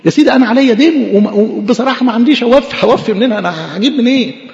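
A man's voice: very high voice, very fast, vocal fry, darkish tone, big-room sound, lo-fi sound, pitched above the performer's own voice. A man with an Egyptian Arabic accent, voicing an indebted male servant who begs his master for mercy in a pleading voice.

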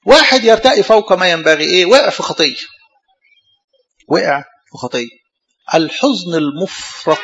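A man with an Egyptian accent, a priest giving a sermon, animated, with mocking asides to the congregation. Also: on the high side, vocal fry, dull audio. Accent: Egyptian Arabic.

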